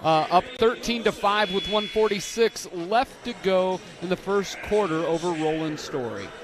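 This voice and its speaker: A man's voice: high-pitched, normal speed. A man giving color commentary on a basketball game, explaining strategy in an analytical, coaching way. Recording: broadcast with loud gym noise behind.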